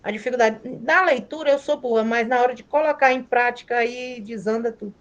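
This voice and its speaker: A woman's voice: a little high, fairly quick, dull audio. A woman student on a video call, earnest and hesitant, often repeating herself. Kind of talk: student speaking up in online class.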